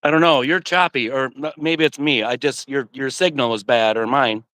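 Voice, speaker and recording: Man on a video call, smooth dry voice. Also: mid-range voice, fairly even intonation, moderate pace, a bit bright, no echo. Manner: patient, repeating himself over a choppy connection. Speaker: guest calling in to a live stream. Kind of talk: casual chat.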